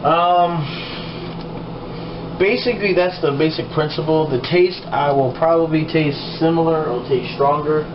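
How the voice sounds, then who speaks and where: Slow, rambling man in an echoey kitchen. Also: on the high side. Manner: rambling, unsure, hesitant with many fillers. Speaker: cooking vlogger. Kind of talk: casual cooking vlog. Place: home kitchen, indoors. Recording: echoey, dull, noisy home-camera audio.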